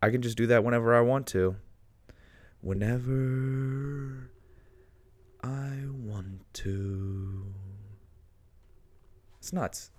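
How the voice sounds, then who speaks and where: A man hosting a casual podcast, excitable and rambling, his voice run through a cave-like reverb echo effect. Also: medium pitch, very slow, pauses often. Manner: excitable, rambling, self-interrupting. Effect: cave-like reverb echo added in editing software. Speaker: podcast host. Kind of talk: casual solo podcast chat. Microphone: home studio microphone.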